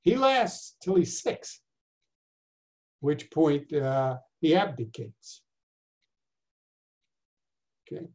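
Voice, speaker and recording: An older man teaches over a video call, his voice sitting a little high for a man. He is chatty and wry, asking rhetorical questions and tossing in dry asides as he walks through his notes. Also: very animated, drawn-out words, long pauses. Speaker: instructor. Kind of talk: lifelong learning history lecture over video call.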